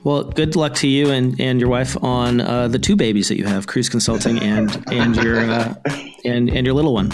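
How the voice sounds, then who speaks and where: A man's voice: mid-range voice, steady tone, normal speed, music in the background. A man hosting a podcast, speaking conversationally as an interviewer addressing his guest. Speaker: podcast host.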